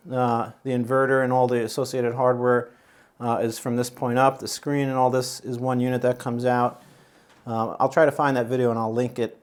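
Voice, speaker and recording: A man's voice: medium pitch, smooth. A man with a mid-range voice chats his way through a product unboxing, loose and rambling. He fills his talk with "uh" and "um" and keeps circling back and restarting his sentences. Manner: rambling, chatty, many fillers and restarts. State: out of breath. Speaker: YouTube channel host. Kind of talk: casual unboxing and product review.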